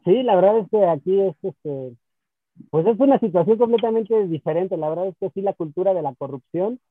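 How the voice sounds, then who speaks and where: A man hosting an interview, asking thoughtful, measured questions. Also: sits high, animated, husky. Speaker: host. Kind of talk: interview conversation. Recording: tinny phone-like sound, dry.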